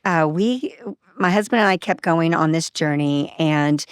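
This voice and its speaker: A woman's voice: sits low, a little slow, clean tone, no room sound, clean studio sound. A woman guest on a podcast telling a personal story in a casual, open way, acting out what people said. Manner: open, animated, acts out quoted dialogue.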